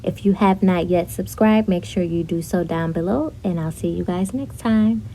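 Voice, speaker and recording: A young woman narrating a casual makeup tutorial, chatty and relaxed, with frequent fillers. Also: on the low side, normal speed, slight background noise. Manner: chatty, with frequent ums and likes. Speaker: beauty vlogger.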